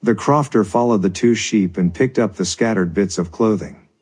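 Low husky male storyteller. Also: darkish tone. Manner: measured storytelling. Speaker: narrator. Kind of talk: scripted narration.

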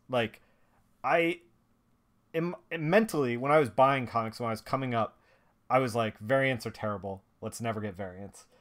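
Guy streaming live, rambly casual chat, mid-pitched voice, lots of likes and restarts. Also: fairly bright tone. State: watery eyes, sniffly. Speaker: streamer and comic colorist host.

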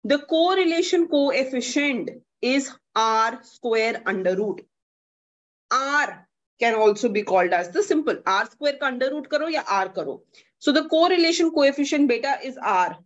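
A young woman with a North Indian accent and a high voice teaches a class online. She explains problems in an instructive way, checking that students follow. The sound is slightly dull, like compressed video call audio. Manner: instructive, often checks understanding. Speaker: economics teacher.

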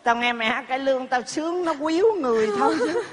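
A man's voice: extremely high pitch, expressive, fast. A male comedian playing a cranky, teasing old grandfather who loves foreign things, on a live stage. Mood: bossy teasing. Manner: bossy, teasing, calls the girl "mày". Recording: live stage with hall reverb and faint noise.

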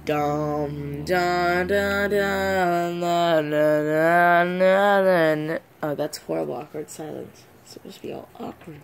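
Faint music plays behind a teenage vlogger chatting in his cluttered bedroom, phone at arm's length. His voice is a little high and slow, with a steady tone. He rambles playfully and fills gaps with hummed sounds.

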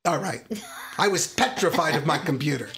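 A man's voice: on the high side, expressive, normal speed, creaky, a bit bright, slight background noise. A man co-hosting a talk show, sarcastic and full of wisecracks. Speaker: co-host. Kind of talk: joking talk show banter.

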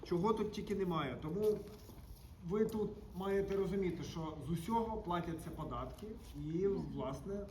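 A man's voice: high voice, moderate pace, darkish tone, reverberant, a little hiss or hum, close to an everyday voice, poor audio. A man playing a lecturing monk steward in a historical stage performance. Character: monk steward of the monastery estates. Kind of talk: historical theatre acting.

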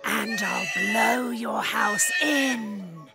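A woman voicing a big, greedy male wolf in a children's story, talking with slow growling menace. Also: on the high side, vocal fry, raised voice, loud music behind the voice, exaggerated voice. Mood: menacing.

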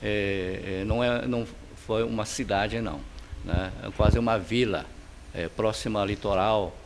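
A middle-aged man from China with a Chinese accent, giving relaxed interview answers about his painting, with many fillers and restarts, recorded on a handheld mic in his home studio. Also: fairly low pitch, a little slow, noisy background.

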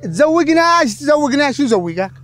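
A man's voice: very high-pitched, very animated, a bit bright. A man with a Yemeni accent hosting a street game show, teasing passersby and echoing their words back. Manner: brisk, teasing, echoes guests' words. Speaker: host. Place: outdoors on a town street.

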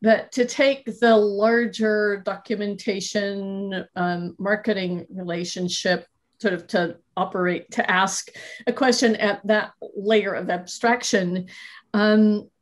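A woman moderating a meetup Q&A over a video call, asking a long question in a halting, hesitant way. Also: mid-range voice. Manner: halting, many fillers and restarts.

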